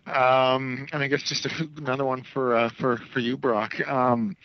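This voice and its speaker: A man with a mid-pitched voice asks press questions over a dry, muffled phone line. He is hesitant, stammering and rambling as a reporter. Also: little pitch movement, unhurried, no room sound. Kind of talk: press questions on a conference call. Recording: dull conference phone line.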